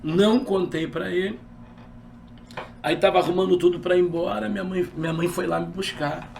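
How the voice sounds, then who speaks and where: Um pastor de meia-idade, homem com sotaque carioca, contando seu testemunho numa entrevista de forma animada e dramatizando os diálogos. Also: male voice, high voice, moderate pace, creaky, recorded from a distance, slight background noise. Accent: carioca Brazilian Portuguese. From Rio de Janeiro. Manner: animated storyteller, acts out dialogue. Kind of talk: personal testimony in an interview.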